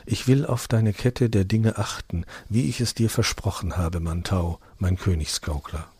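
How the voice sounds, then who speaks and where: A man voicing a gentle guardian angel who speaks softly and slowly in a fairy tale reading. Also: on the low side, slightly rough, no echo, full character voice. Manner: soft, quiet and slow.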